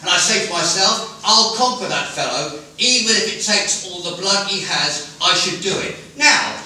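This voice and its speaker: Sharp, echoey, controlling gentleman villain played by a man. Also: sits high, expressive, full character voice. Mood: cold menace. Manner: measured, condescending, precise. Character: cold, controlling stepfather, stern and menacingly polite gentleman. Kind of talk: stage play acting. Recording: echoey hall from far off, faint noise.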